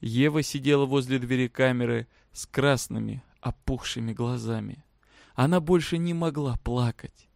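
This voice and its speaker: A man narrating a story aloud in a steady, even reading manner. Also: mid-range voice, moderate pace, gravelly, dry recording, clean studio sound. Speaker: audiobook narrator.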